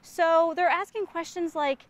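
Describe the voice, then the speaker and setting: A woman's voice: very high-pitched, steady tone, measured pace. A woman in her thirties, a management consultant, explaining ideas earnestly in an outdoor walk-and-talk interview in a park. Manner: earnest, explanatory, with restarts and fillers.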